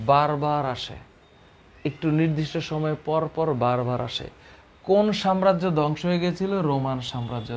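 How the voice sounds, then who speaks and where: Man, teacher, fairly high voice, repeats terms, asks and answers himself. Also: darkish tone. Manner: explains slowly, repeats key terms, asks and answers own questions. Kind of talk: biology lesson to students.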